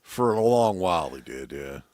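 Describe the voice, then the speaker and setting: A man with a gravelly voice chatting bluntly with friends during a watch-along stream. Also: sits low, animated, moderate pace, darkish tone, dry recording. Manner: blunt, stubborn banter. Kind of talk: casual watch-along chat.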